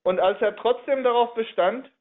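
A man telling a religious history story in a halting way, often reworking his sentences partway through. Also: very high voice. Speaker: religious speaker. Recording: narrow phone-like audio.

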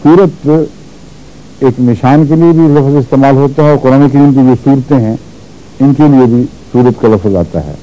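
A man teaching Quran recitation rules, explaining patiently and repeating words slowly to show how they are pronounced. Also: mid-range voice, lo-fi sound. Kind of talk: religious lesson on Quran recitation.

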